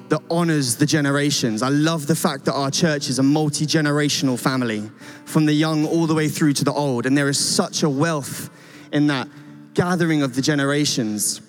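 A young man, a youth pastor, giving an earnest, rambling church talk with many restarts. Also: fairly high pitch. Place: church stage. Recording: church hall reverb with soft guitar.

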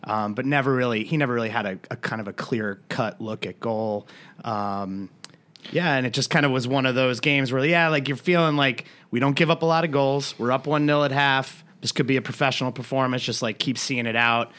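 A man's voice: medium pitch, fairly quick, a bit bright. Guy rambling thru a soccer match recap, casual podcast talk. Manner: loose, rambling with restarts. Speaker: podcast co-host. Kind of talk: casual sports chat.

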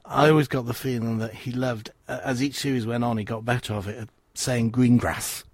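A man's voice: medium pitch, steady tone, a little fast, crowd noise. A man hosting an interview, asking questions earnestly and enthusiastically. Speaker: radio host. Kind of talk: interview, presenting.

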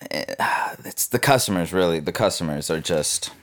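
Young man from Southern California, slangy cynical vlogger, lower pitch. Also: expressive, a little slow. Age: 20s. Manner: laid-back, slangy, cynical, full of fillers. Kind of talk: casual rambling monologue.

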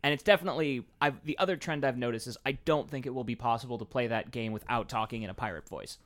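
A man's voice: mid-range voice, fast, fairly bright tone. A man co-hosting a gaming podcast, easygoing and explaining things for listeners. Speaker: podcast co-host. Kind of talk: casual chat.

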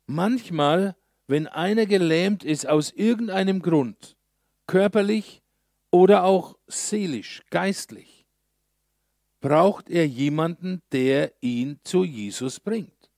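Pastor guy preaching, kinda high voice, tells it like a story with big pauses, dry close sound. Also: dry recording. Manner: lively storytelling, slow emphatic pauses, acts out voices. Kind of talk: sermon.

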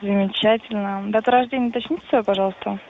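A woman's voice: mid-range voice, steady tone, a little mellow. A woman calling from a bank, keeping a formal, insistent tone as she argues over the phone. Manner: formal, insistent, slow and cool when pressed. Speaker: bank caller. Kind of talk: heated phone argument. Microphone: phone line. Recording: tinny phone line with faint hiss.

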